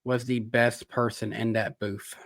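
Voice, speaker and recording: A man co-hosting a podcast, adding brief, low-key remarks about motorsport. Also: flat delivery, measured pace, creaky, fairly bright tone, dry recording, studio quality. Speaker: podcast co-host. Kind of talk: casual motorsport chat.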